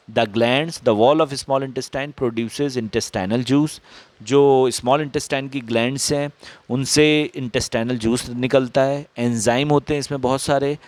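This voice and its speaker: A male biology teacher with an Indian accent, who reads English lines slowly and then explains them more quickly in Hindi. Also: medium pitch, dry recording.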